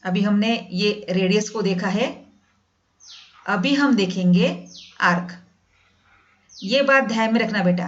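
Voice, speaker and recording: A woman teaching a math class, patiently repeating each definition slowly and addressing her students as "beta". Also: fairly high pitch. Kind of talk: classroom lesson in Hindi with English definitions. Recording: dull lo-fi sound.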